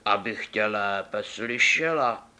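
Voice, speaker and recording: A man voicing a sly, scheming male wolf in a fairy tale, speaking in a coaxing, drawn-out way. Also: on the low side, bright, forceful tone, clear, resonant tone.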